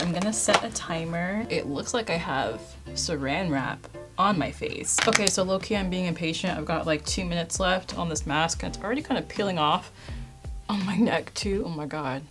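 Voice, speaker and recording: A woman's voice: on the low side, moderate pace, music in the background. A woman in her late twenties, a beauty vlogger chatting casually and upbeat to her viewers. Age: 20s. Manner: chatty, upbeat, addresses viewers as you guys. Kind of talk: casual chat to camera. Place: indoor filming space.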